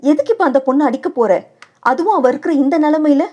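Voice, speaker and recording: A woman's voice: sits high, animated, fast talker, mellow, voice pushed up. A stern young husband, firm but caring, who scolds and warns, as a woman narrator acts him out in an audio novel. The voice stays the reader's own, lifted a little in the heated lines. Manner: firm, reproachful, warning.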